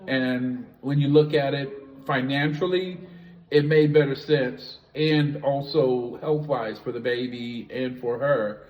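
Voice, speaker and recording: A man's voice: mid-range voice, steady tone, slow pace, lo-fi sound. Man, late fifties, from the US, casual blunt chat, rambling, roomy echo. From United States. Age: 50s. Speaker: vlog co-host.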